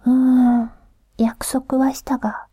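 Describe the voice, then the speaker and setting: Woman doing a curious old-style villager, breathy whisper, slow, close and dry. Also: high voice, level tone, mellow, no room sound, exaggerated voice. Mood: musing. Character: simple old-fashioned man, easygoing and curious.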